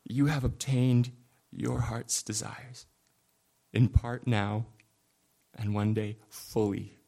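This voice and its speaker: A man preaching a sermon in an earnest, confessional way, building from quiet reflection to impassioned emphasis. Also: medium pitch, level tone, slow pace, creaky.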